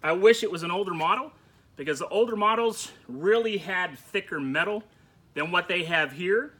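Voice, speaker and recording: A man's voice: high-pitched, expressive, moderate pace, pushed and bright, slightly rough. A middle-aged man hosting a barbecue channel, chatting enthusiastically as he walks a camera operator around his backyard patio. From Texas. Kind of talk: casual backyard walkthrough. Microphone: camera mic, filmed by a helper.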